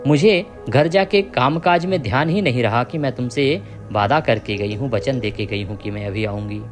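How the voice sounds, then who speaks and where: A man voicing a gentle pleading young wife. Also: mid-range voice, moderate pace, natural voice. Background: music.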